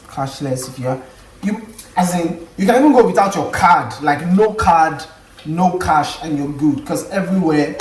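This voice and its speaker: Nigerian woman, casual vlog chat, fairly low voice, faint background noise, distant mic. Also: roomy sound. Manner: animated storytelling with acted quotes. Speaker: vlogger.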